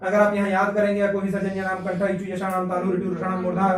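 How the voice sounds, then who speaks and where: A man with a very high voice teaches Sanskrit grammar in a classroom. He sounds out each letter and keeps quizzing his students. He is recorded from a distance in an echoey room. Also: completely flat delivery, fast talker. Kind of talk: classroom lesson. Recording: echoey room, mic from afar.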